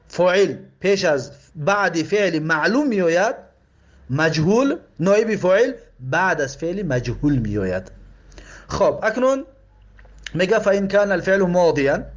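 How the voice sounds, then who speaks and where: A man with a Tajik accent teaches Arabic grammar in a high voice. He goes slowly, repeats words and asks his pupils questions as he explains. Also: very animated, dull audio. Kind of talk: explaining lesson.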